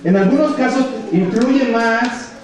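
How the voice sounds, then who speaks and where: A man's voice: very high voice, unhurried. A man with a Mexican accent, preaching a sermon as pastor, speaking emphatically and acting out dialogue. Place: church hall. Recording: echoey church sound from far off.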